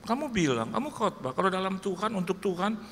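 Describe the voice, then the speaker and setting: A man's voice: sits high, big pitch swings, a little fast, a bit bright, a little hiss or hum, pitched above the performer's own voice. A male pastor voicing his strict, bossy middle-aged wife who scolds and hurries him along. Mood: bossy, scolding. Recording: echoey hall reverb.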